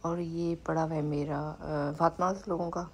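A woman's voice: deep voice, flat delivery, moderate pace, slight background noise. A woman in her thirties from Pakistan, chatting casually to camera in a travel vlog, mixing in English words, recorded on a phone set at a distance in a hotel apartment. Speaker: vlogger. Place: hotel apartment room, indoors.

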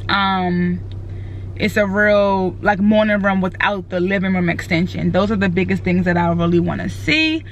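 This thirtysomething vlogger rambles with fillers as she talks to her phone camera at arm's length, moving from a parked car to an unfinished house. Her voice is mid-range and a bit bright, with a little hiss or hum in the audio.

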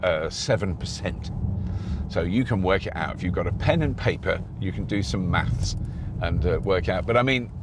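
A man's voice: low-pitched, lively intonation, normal speed. A middle-aged man hosting a car review, talking casually while he drives, rambling and restarting his sentences. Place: inside a moving car. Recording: road noise in a moving car.

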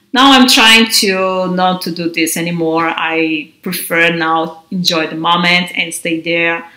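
This woman's voice is bright but on the low side, and she speaks slowly and gently, pronouncing every word with care. She is a language teacher giving deliberate lessons to camera. Her camera mic sits at desk distance in a large, bare indoor room, so the sound carries an empty-room echo.

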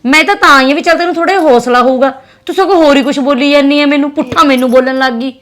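A young woman with a Punjabi accent acting a sharp, scolding sister in a drama. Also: sits high. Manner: scolding and fast-talking. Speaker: actress playing a sister.

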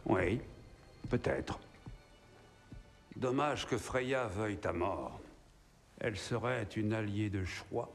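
A man playing a frank, thoughtful brotherly adviser in a video game, speaking in a measured, reflective way. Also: on the low side, lively intonation. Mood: reflective, candid. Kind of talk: video game drama acting.

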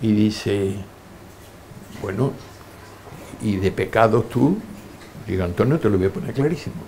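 A man's voice: on the low side, measured pace, a little hiss or hum. An older man in an interview, telling his life stories and acting out the voices of people in them. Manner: lively anecdotes, acting out quoted voices. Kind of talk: storytelling interview.

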